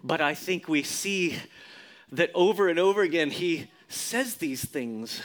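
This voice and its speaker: A male pastor delivering a sermon in a fairly high voice that swoops up and down with lively expression. He often sinks to a quiet, low hush to stress a point. He calls on the congregation to answer back. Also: unhurried. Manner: leads the congregation in responses.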